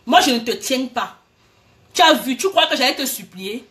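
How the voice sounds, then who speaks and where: Woman, high-pitched, angry rant, accusatory, repetitive, recorded at home. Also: animated, normal speed, a bit bright. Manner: heated, accusatory, repeats herself. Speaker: vlogger. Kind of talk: angry direct-address rant.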